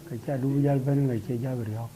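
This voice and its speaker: A man in his fifties from South Sudan, answering interview questions in short bursts that pause for an interpreter. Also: medium pitch, steady tone, crowd noise, low-quality recording. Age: 50s. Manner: speaks in brief bursts, waiting for translation. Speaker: interviewee, refugee. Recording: ambient background noise.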